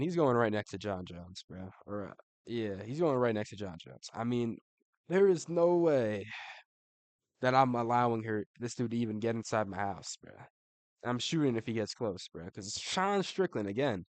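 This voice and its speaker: A man's voice: lowish voice, no echo. A man giving casual, slangy commentary, swearing and tossing in "bro" constantly, with laughs between remarks. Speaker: online commentator ranking fighters.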